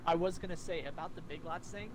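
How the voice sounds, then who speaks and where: A man's voice: on the high side, quick pace, background noise. Chatty young man on a game voice chat. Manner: chatty, laughs easily, says "like" a lot. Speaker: co-op player. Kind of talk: casual gaming chat.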